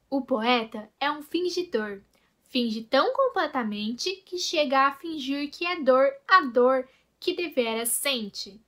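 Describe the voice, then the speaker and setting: High-voiced woman teaching literature. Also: bright, forceful tone. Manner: clear, measured explanatory delivery. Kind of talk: scripted lesson narration.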